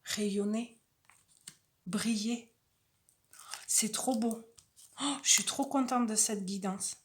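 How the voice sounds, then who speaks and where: A woman reads oracle cards aloud in a soft, casual voice and stops for chatty asides to her viewers. She speaks slowly and without hurry. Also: medium pitch. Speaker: oracle card reader. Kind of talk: casual oracle card reading.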